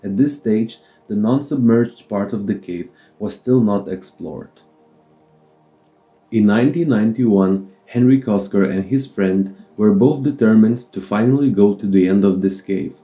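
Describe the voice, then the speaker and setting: A man reads a documentary script in a low, very dark and mellow voice. His delivery is steady and measured, with slightly non-native phrasing. Faint music plays beneath the narration. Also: low-quality recording.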